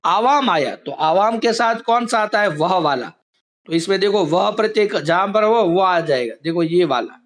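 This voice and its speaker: A man's voice: high-pitched, lively intonation, moderate pace. A man teaching an online class, patiently explaining step by step over a video call.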